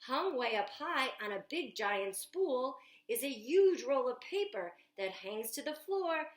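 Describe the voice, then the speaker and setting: In a high, sing-song voice and without hurrying, a woman reads a storybook in the part of an imaginative little boy proudly showing off his dream house. The bouncy rhyming verse has stretched-out words and sounds proud and excited, recorded in an echoey room.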